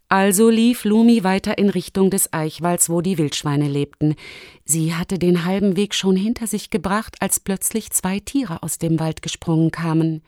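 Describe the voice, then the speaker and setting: A woman narrating a children's story in a calm, measured storytelling manner. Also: medium pitch, no room sound, clean studio sound. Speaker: audiobook narrator.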